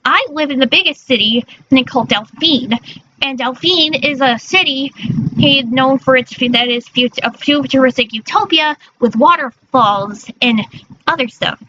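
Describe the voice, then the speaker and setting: A woman's voice: high voice, moderate pace. A woman chatting casually on a livestream in a cute, girlish anime-streamer manner, often stumbling over her words. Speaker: streamer, virtual character persona. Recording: dull lo-fi mic with faint noise.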